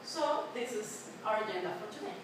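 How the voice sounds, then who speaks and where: A Colombian woman in her twenties, a native Spanish speaker with a Colombian accent, gives a chatty class presentation full of fillers and restarts. Her mid-range voice is animated and brisk, recorded from a distance in an echoey, noisy room.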